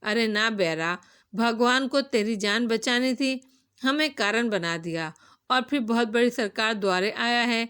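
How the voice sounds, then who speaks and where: A simple, kindly old village man, as a woman reads him aloud from a novel, with rustic, homely turns of speech. The voice sits fairly high for the part. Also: a bit bright, clear, resonant tone, close to an everyday voice. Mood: folksy. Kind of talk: novel reading.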